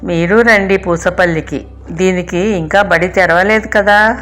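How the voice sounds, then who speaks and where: A woman's voice: fairly low pitch, steady tone, unhurried, fairly bright tone. An older woman voicing a kindly aunt with a coaxing, explaining manner.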